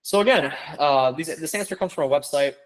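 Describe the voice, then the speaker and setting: A young man with a slightly high voice runs an online interview-prep session. He talks in an animated, conversational way, leaning on emphasis and rhetorical questions to drive his points home. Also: fairly quick, poor audio. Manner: casual, conversational. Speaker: medical school interview coach. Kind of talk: online info session lecture.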